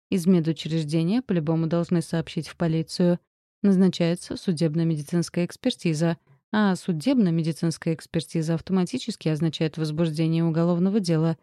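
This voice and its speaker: Gruff sardonic cop guy from an audiobook, read by a woman, low dark tone, dry room. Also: no room sound, natural voice. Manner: curt, gruff. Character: stern sardonic male police captain.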